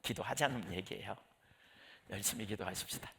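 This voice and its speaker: A man's voice: lowish voice, brisk, vocal fry, sharp tone. A middle-aged male pastor giving a conversational sermon, telling personal stories and acting out his own prayers.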